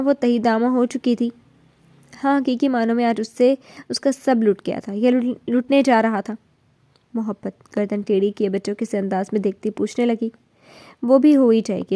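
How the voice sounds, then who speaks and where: A woman reading a romance novel aloud in a measured, emotive storytelling style. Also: on the high side, warm tone, no room sound. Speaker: novel reader.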